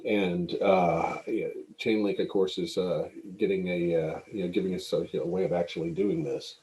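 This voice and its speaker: A man's voice: deep voice, fairly even intonation, moderate pace, warm tone, a little hiss or hum, low-quality recording. A man talking casually on a call, hesitant and using many fillers like "uh, you know". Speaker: community member on the call. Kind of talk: casual livestream discussion.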